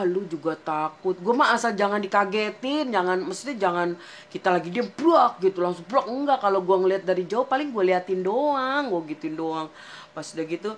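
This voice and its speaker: A young woman spins a spooky personal tale in a relaxed, chatty way. Her voice sits at a middle pitch, and she slips into quick impressions of her friends. A faint background hiss sits under her voice. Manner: chatty, acts out friends' lines. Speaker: horror story narrator. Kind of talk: casual spoken storytelling.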